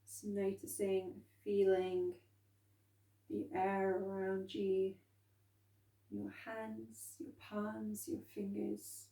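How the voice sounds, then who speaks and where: A woman instructor leading a calm grounding meditation, speaking gently and unhurriedly with soft pauses. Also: medium pitch. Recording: roomy echo, distant from microphone.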